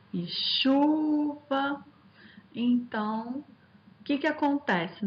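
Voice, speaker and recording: A woman's voice: fairly high pitch, muffled recording. A woman teacher giving a recorded online lecture, explaining step by step, asking herself rhetorical questions and speaking directly to her students. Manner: addresses viewers directly and warmly as students. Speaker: linguistics teacher.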